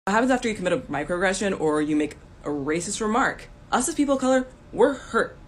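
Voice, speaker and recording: A woman's voice: medium pitch, animated, fast talker. Woman commentator, blunt and scolding, direct-to-camera rant, faint noise behind.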